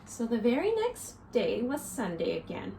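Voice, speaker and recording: Reading a picture book expressively to young children in a small living room, this teacher turns it into a simple lesson with a deliberate, instructive manner. She sounds lively and high-pitched, with some vocal fry. The recording is rough and carries slight background noise.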